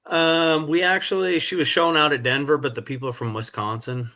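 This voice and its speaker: A man co-hosting a podcast, chatting in an easygoing, halting way with fillers. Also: fairly high pitch, fairly even intonation, sharp tone. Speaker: podcast co-host. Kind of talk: casual chat. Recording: dull lo-fi sound.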